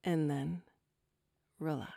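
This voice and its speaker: A woman softly narrating a guided relaxation like a sleep story, with gentle, breathy, unhurried instructions that drift toward a whisper. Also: low-pitched, fairly even intonation, no room sound, clean studio sound.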